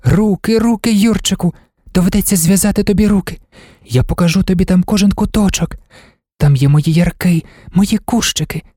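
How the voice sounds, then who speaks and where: A man's voice: high voice, normal speed, mellow, no room sound, studio quality, pitched above the performer's own voice. A man reading an audiobook, voicing a dreamy, impulsive young woman in love with an eager, tender manner.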